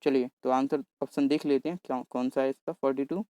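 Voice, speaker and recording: A man teaching exam maths in a brisk, chatty way, talking fast on purpose and coaxing his viewers along. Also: mid-range voice, fairly even intonation, dark tone, clear, resonant tone, no room sound. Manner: brisk, talks fast on purpose to cover the paper. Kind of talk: solving exam paper on screen.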